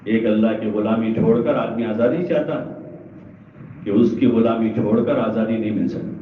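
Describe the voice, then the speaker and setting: A man preaching a sermon to a large gathering, asking the audience questions and then answering them himself. He stands well back from the microphone in a heavily echoing hall. The sound is thin and phone-like, with a faint hiss underneath. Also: fairly low pitch. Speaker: Islamic preacher. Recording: echoey, far-off, phone-like lo-fi recording.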